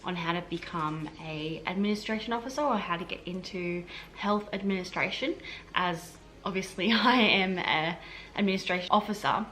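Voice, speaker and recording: Speaking at a moderate pace in a lowish, slightly bright voice, an Australian hospital admin officer and vlogger explains things casually to camera. Her talk rambles, with frequent fillers and restarts.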